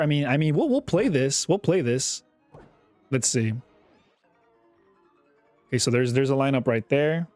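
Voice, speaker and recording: A young man giving casual, chatty commentary over his own gameplay, often repeating himself and getting excited. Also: medium pitch, dry recording. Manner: chatty, self-talking, repeats words, excitable. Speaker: gaming YouTuber.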